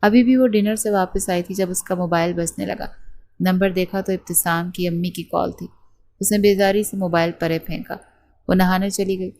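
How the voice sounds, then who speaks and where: A woman reading a romance novel aloud in a steady storytelling voice, voicing every character. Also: lowish voice, a little hiss or hum. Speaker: narrator. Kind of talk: scripted novel narration.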